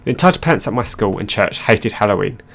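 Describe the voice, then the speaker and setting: Male narrator, lowish voice, steady read-aloud delivery of online stories. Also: fast talker, gravelly.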